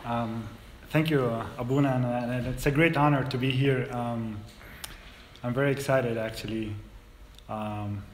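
A man's voice: mid-range voice, heavy background noise. Palestinian man telling his story in a hall. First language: Arabic. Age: 30s. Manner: measured, hesitant at first then steady storytelling. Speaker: guest speaker. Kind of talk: personal story talk. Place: church hall. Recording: roomy hall echo.

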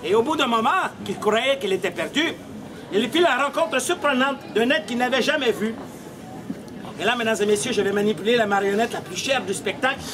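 Audience laughter and a loud crowd surround a middle-aged street puppeteer as he projects a comic story theatrically, full of mock drama and playful asides, in a very high, fairly quick voice. He's outdoors by a stone wall, recorded by a camera a few metres away.

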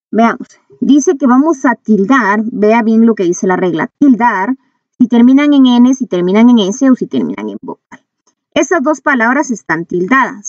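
A woman's voice: a little high, dry recording. Woman teaching a grammar lesson, lo-fi. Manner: steady explanatory pace with frequent "eh" fillers, repeats the rules. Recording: dull lo-fi dry recording.

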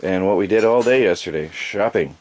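A man's voice: sits low, brisk, darkish tone, slight background noise. A middle-aged man in casual chat as a vlogger, laughing often, filmed by a camera across a small wooden cabin living room.

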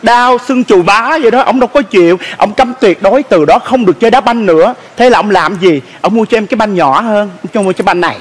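A man's voice: high voice, fast, few pauses. A man playing an effeminate grown son who whines and complains in a stage comedy sketch. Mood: whiny. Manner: flamboyant, whining complaints.

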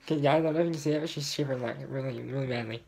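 A man's voice: medium pitch, racing, gravelly, background noise. A young man chatting casually to camera as a vlogger, recorded on a handheld phone in a small home bathroom.

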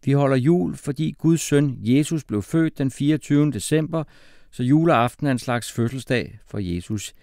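A man's voice: medium pitch, gravelly, a little mellow, no room sound, clean studio sound, pitched above the performer's own voice, natural voice. A man voicing an earnest, innocent schoolboy who explains things matter-of-factly.

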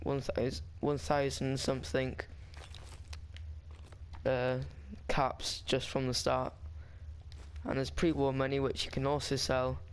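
A man talks through a game walkthrough in a loose, rambling way, stopping and restarting as he goes. His voice is smooth and clear. His pitch stays flat and even throughout. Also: slow, long pauses. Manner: rambling, chatty, with frequent restarts. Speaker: gaming guide maker. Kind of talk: casual game walkthrough voice-over.

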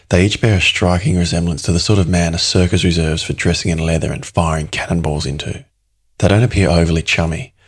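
A man's voice: low voice, slightly rough. A man narrating an audiobook in the first person, in a sardonic and crude manner.

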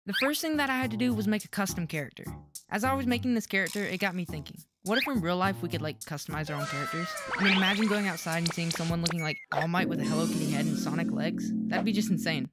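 A woman's voice: on the low side, fast talker. A woman host narrating her first run of a farming game with joking, self-mocking humor. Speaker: gaming channel host. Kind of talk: narrated gameplay vlog. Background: game music.

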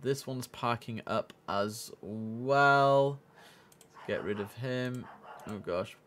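A young man with a mid-range, fairly bright voice speaks very slowly, casually narrating his gaming under his breath and switching to clipped air traffic controller talk. The setting is an indoor home streaming setup, and the noisy room carries keyboard clicks.

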